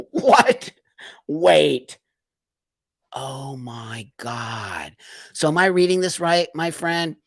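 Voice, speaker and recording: A man's voice: on the high side, dry recording, clean studio sound. A man hosting a casual live stream, reading out viewer comments and answering them in an emphatic, emotional way, often repeating phrases for stress.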